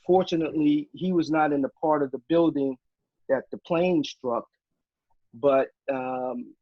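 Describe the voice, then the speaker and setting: A retired army officer telling a story in casual interview talk, with many fillers and restarts. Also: male voice, mid-range voice, dry recording, narrow, tinny audio.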